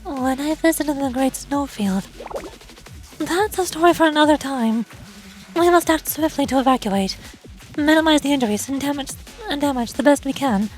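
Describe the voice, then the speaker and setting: A woman's voice: high voice, moderate pace, soft background music, natural voice, rough recording. A woman voicing a solemn, self-doubting girl warrior in a game story, with formal, grave phrasing. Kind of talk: amateur voice acting of a game story.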